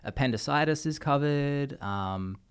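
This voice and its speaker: Guesting on a podcast, an Australian man speaks in a smooth, unhurried, medium-pitched voice. In this casual chat he rambles through lively stories, restarting often.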